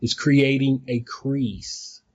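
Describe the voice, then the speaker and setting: A man with a mid-pitched voice walks through software in an informal way, thinking aloud as he goes. The sound is dull and lo-fi, picked up by a phone placed away from him. He rambles casually like someone presenting a homemade tutorial. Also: steady tone, drawn-out words, breathy edge. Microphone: phone, some distance away. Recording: dull phone recording, distant from mic.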